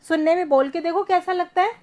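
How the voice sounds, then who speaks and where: A woman's voice: very high-pitched, brisk, darkish tone, a little hiss or hum. A woman teacher giving an online class lesson, explaining step by step and asking her students questions.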